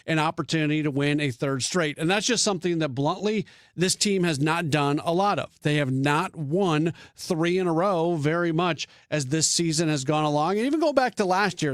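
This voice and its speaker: A man's voice: a little high, no room sound, clean studio sound. A man hosting sports radio talk, thinking aloud with frequent restarts and fillers.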